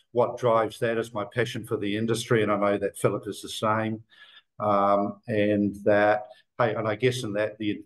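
An older man from New Zealand, speaking with a lowish voice as a guest on a video call. He rambles in an easy conversational way, full of fillers, restarts and small detours. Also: rough recording. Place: office room indoors.

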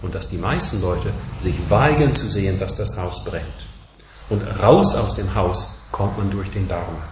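Buddhist teacher guy giving a talk, low voice, hammering points with repeated contrasts, faint hum behind. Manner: emphatic, measured, builds points in insistent repeated contrasts. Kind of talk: dharma talk to an audience. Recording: echoey room.

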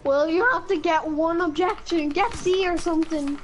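Brief: high-voiced gamer, teasing and giggly. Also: steady tone, moderate pace, a little hiss or hum. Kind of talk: casual gaming chat.

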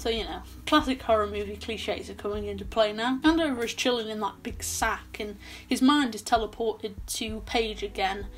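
A woman's voice: mid-range voice, normal speed, a little hiss or hum. Chatty young woman recapping a film. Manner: chatty, sarcastic asides, swears. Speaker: film reviewer. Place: small bedroom with shelves.

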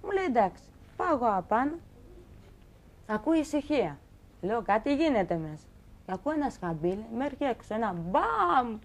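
A young woman guest on a talk show, telling her own story in an animated way and acting out the dialogue she quotes. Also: a little high, long pauses. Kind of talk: emotional personal account on a talk show.

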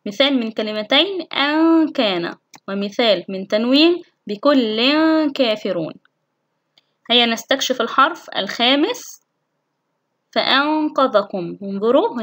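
A woman's voice: a little high, expressive, fairly bright tone. A woman teacher giving a recorded recitation lesson to children, asking questions and answering them herself. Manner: recites example words slowly and carefully.

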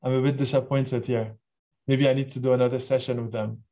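A man's voice: medium pitch, little pitch movement, fairly quick, dark tone. Chatty man hosting a video call. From Switzerland. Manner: chatty, enthusiastic, asks the audience questions. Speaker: webinar host. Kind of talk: casual presentation on a video call. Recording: dull lo-fi video call audio.

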